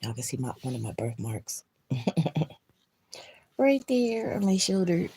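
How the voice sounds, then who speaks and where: Lying in bed at home, a young female livestream host chats with viewers through a phone camera in a husky, breathy, lowish voice with big pitch swings. Her unhurried talk is drowsy and murmured, often sinking to a whisper and broken by sudden loud laughs, over slight background noise.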